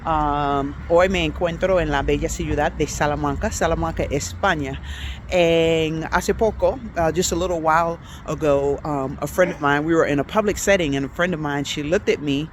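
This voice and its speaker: Outdoors in a city, faint traffic in the background, a chatty woman runs an easygoing language-teaching vlog; English is her first language. Her voice is deep, and her speech halts often with filler ums and uhs. She shifts between languages as she goes.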